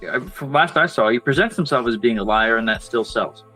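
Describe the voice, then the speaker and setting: On a low-quality recording with soft music underneath, this podcast guest, a marketing strategist, speaks fairly quickly in a medium-pitched, expressive voice that's bright, forceful and a little rough. His advice comes casually, explained step by step and peppered with fillers and asides.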